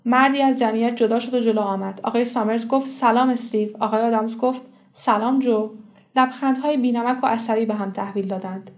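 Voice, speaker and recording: A woman reading a short story aloud in a steady, measured storytelling manner. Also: fairly high pitch. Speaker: story reader. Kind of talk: scripted audiobook narration.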